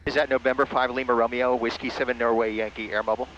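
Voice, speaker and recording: Guy flying a small plane, quick radio talk and cockpit narration, muffled headset, faint engine noise. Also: medium pitch, level tone, fairly bright tone. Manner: clipped procedural radio phrasing. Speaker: pilot and ham radio operator. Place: small airplane cockpit in flight. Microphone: aviation headset. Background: light aircraft engine noise.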